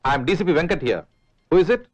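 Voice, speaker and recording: An actor playing a brisk deputy police commissioner who answers the phone. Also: male voice, fairly high pitch, big pitch swings, husky, lo-fi sound, full character voice. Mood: official. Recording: film soundtrack with music.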